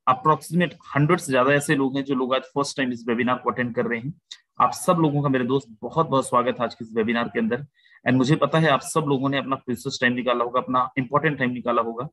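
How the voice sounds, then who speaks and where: A man hosting an online video-call webinar, giving a persuasive sales pitch and often calling the listeners "my friend". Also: steady tone, fairly quick, fairly bright tone, dry recording, low-quality recording. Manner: persuasive, addresses listeners as "my friend", mixes English phrases. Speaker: webinar host.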